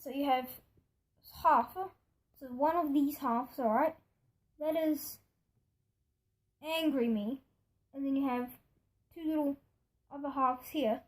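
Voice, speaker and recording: A young video storyteller, rambling and indignant, acts out what others said in a casual vlog-style story. The high-pitched voice is a little mellow, and the recording is rough, with music behind it.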